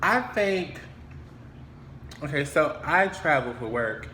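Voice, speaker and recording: A man's voice: fairly high pitch, animated, slow pace, pushed and bright, slight background noise. A man hosting a casual chat, joking and laughing often. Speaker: host. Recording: echoey room, faint ambience.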